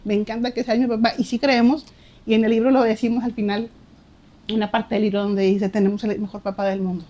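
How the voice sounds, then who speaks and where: Mellow-voiced reflective woman. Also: on the high side, flat delivery, a little fast. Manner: reflective, repeats words while searching. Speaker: podcast guest. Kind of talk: faith testimony in conversation.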